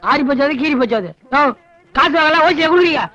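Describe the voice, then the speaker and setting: A cheeky, mocking freeloader. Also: male voice, very high-pitched, lively intonation, quick pace, sharp tone, highs cut off, full character voice. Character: cheeky freeloading young man who eats free. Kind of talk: 1990s Tamil film comedy acting.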